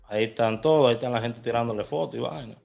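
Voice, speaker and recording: Man, casual chatty vlogger, speaking from a car, faint music behind, mid-pitched voice. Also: fast talker, gravelly, darkish tone. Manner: chatty, talks to viewers while placing lottery bets. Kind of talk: casual screen walkthrough.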